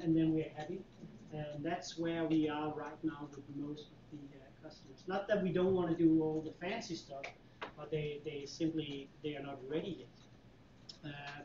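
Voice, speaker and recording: Presenting at a user group in a meeting room, a middle-aged consultant from Denmark talks tech in a loose, conversational way, restarting sentences and filling gaps often. His voice is fairly high with a Danish accent. A distant mic in an echoey room yields dull, lo-fi sound with slight hiss or hum.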